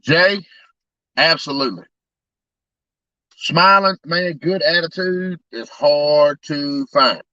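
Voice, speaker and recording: Tire shop guy rambling upbeat, kinda high voice, dry dull lo-fi sound. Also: slow pace, long pauses, sharp tone, no echo. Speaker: truck tire shop owner. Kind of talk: casual chat.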